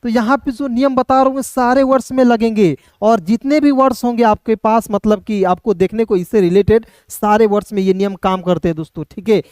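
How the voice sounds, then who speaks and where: A man's voice: high-pitched, a little fast, few pauses, a little mellow, dry recording. Male online teacher, patient drill style, spells letters then answers his own questions, dry close sound. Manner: keeps addressing viewers as friends. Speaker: English teacher. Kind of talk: online classroom lesson.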